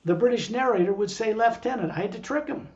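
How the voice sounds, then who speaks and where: A man's voice: high-pitched, fast talker, darkish tone, highs cut off. A man who acts as a spiritual teacher, talking casually and digressively to a small group. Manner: rambling, digressive.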